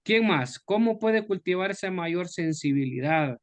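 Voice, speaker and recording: A man's voice: high voice, expressive, slow, no room sound. A man, a pastor, leading a Bible study discussion in a conversational way and asking the group questions.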